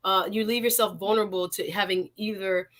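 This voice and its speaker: A woman's voice: medium pitch, fairly even intonation, a little fast, fairly bright tone. Reflective woman hosting a talk. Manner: reflective, searches for words with fillers. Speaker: host. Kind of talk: casual talk.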